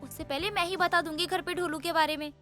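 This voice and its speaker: A woman voicing a blunt, sassy young woman in an animated story, with quick retorts. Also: extremely high pitch, soft background music. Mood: worried. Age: young adult.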